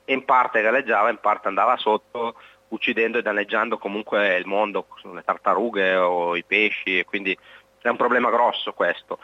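A man's voice: on the low side, no echo. A middle-aged man speaking as a guest in a phone-in radio interview, heard over a phone line, explaining earnestly with many hesitant fillers.

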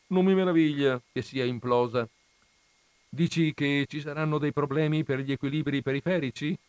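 A man voicing a relaxed alien father who explains things in a chatty way. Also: mid-range voice, no room sound, close to an everyday voice. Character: alien father, many-armed cosmic controller, easygoing.

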